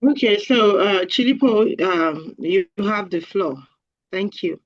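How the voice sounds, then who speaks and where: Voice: mid-range voice, takes it slowly, no echo. A host runs an online meeting over a video call with short, practical remarks, checking the sound and the shared screen. The audio comes through dull and close, with no room sound at all. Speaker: webinar host.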